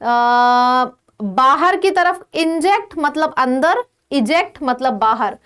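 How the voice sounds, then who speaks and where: A woman's voice: high voice, animated, fairly bright tone, clear, resonant tone. An Indian woman teaching English vocabulary for exams, mixing Hindi with English words and running through lists of synonyms. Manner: lists many synonyms in a row, checks in with "ठीक है"; mixes Hindi with English words, slows down to stress English phrases. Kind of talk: exam-prep vocabulary lesson.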